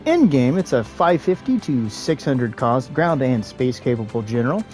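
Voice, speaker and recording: A man hosting his gaming channel, giving relaxed, casual gameplay commentary with joking asides and the odd filler pause. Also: mid-range voice, soft background music.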